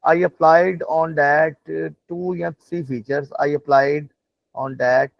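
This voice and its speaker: A man whose first language isn't English teaches a live online class, explaining while demonstrating on screen. He is halting and repetitive and often checks that listeners are following. His voice is a little high, gravelly and steady in tone, with no room sound, and the call audio is dull and lo-fi.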